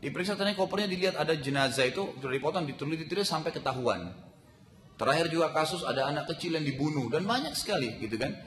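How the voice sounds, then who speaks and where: A man's voice: fairly high pitch, lively intonation, rapid-fire, a bit bright. A man giving a sermon to a congregation, asking them rhetorical questions. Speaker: preacher. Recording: echoey hall with long reverb.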